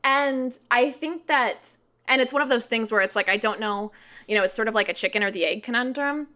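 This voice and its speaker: A thirty-year-old woman, appearing as a podcast guest, explains things in a casual, informal interview style, often using the filler "like." Her voice is on the high side, brisk and sharp-toned.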